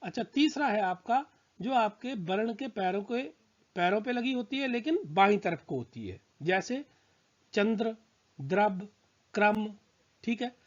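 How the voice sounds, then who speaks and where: A man's voice: high voice, big pitch swings, moderate pace. A man teaching a grammar lesson to students, patiently repeating example words and checking that they understand. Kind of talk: slow spoken grammar lesson. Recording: slightly dull lo-fi sound.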